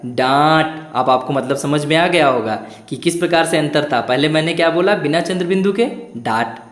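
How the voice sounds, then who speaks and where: A man's voice: a little high, normal speed, echoey room. A man teaching a Hindi lesson to young children, asking questions and repeating each answer while stretching the words out.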